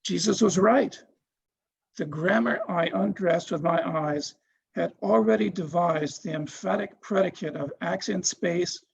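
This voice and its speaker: Slow, solemn man reading poetry, voice gravelly. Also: sits high, lo-fi sound. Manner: solemn, measured, deliberate phrasing. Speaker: poetry reader.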